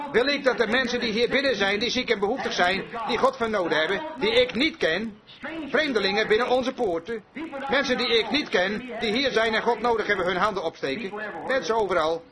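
A man with a high-pitched voice preaches a fervent revival sermon, circling back to the same phrases again and again. He speaks straight to his listeners, and the sound of a gathered congregation carries behind him. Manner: fervent, repetitive, addresses congregation directly.

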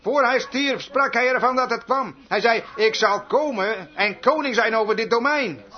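A fervent male preacher with a high voice, firing rhetorical questions and answering them himself. He repeats his key lines for weight. The recording sounds dull and lo-fi, like an old sermon tape. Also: normal speed. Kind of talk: revival sermon with altar call.

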